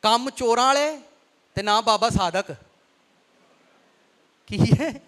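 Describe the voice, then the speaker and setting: A pastor with a Punjabi accent preaching a lively sermon, dropping into folksy Punjabi asides. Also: male voice, extremely high pitch, slow. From Pakistan.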